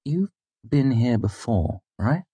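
A man reading an audiobook, voicing a young man in the story who speaks in a hushed, conspiratorial tone. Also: medium pitch, sing-song, slow, breathy edge, dry recording, pitched above the performer's own voice, full character voice. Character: young man, wary and scheming.

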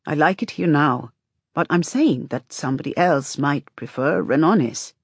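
A woman's voice: low-pitched, moderate pace, breathy edge, no room sound. A woman voicing a blunt, stubborn, teasing woman in audiobook dialogue, with a sardonic, needling manner.

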